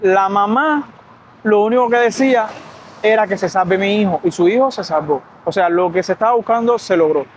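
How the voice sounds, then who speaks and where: A man's voice: high voice, slight background noise. A young man with a Cuban accent, a doctor telling a storytime vlog while walking outdoors by a street. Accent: Cuban Spanish. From Cuba. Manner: fast, lively storytelling. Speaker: doctor and vlogger.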